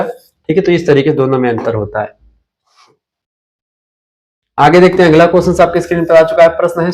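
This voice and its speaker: Male tutor, slightly high voice, runs a quick drilling revision class online. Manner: drilling, asks questions then answers them himself. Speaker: teacher.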